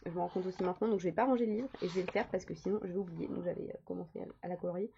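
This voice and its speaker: A woman's voice: fairly low pitch, very fast, vocal fry, warm tone, a little hiss or hum. A woman in her thirties chatting casually as a coloring vlogger, rambling with many fillers and restarts. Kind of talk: casual chat. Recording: dull lo-fi sound.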